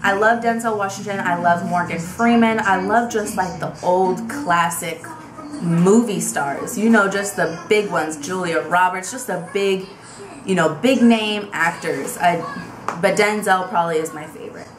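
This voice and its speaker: A woman's voice: fairly low pitch, unhurried, roomy sound, noisy background. A woman in her twenties chatting casually to camera in a tag video, talking animatedly with lots of fillers, in a small bedroom. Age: 20s. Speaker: beauty vlogger. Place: small bedroom with vanity, indoors.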